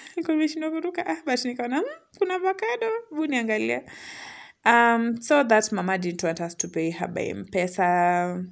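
A young woman with a Kenyan accent narrating a casual vlog, chatty and quick to laugh. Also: mid-range voice, vocal fry. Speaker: vlogger. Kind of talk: casual vlog voice-over mixing English and Swahili slang.

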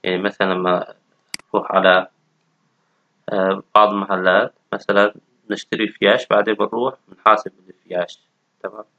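A man's voice: on the low side, little pitch movement, brisk, long pauses, pushed and bright, no echo. A man, teaching a textbook language lesson and patiently repeating each word. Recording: dull, dry lo-fi audio.

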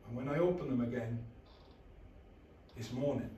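A man's voice: mid-range voice, moderate pace, warm tone. A man in his thirties performs an intense, brooding dramatic monologue from a script in short clipped phrases. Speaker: actor in a rehearsed reading. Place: small bare indoor rehearsal room. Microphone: distant camera across the room. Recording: echoey room, far from mic, faint noise.

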